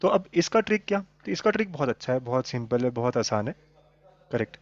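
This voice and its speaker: A man's voice: medium pitch, very animated, fast, dry recording. A man teaching maths in a live online class, often checking in with his students. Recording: dull lo-fi sound, dry.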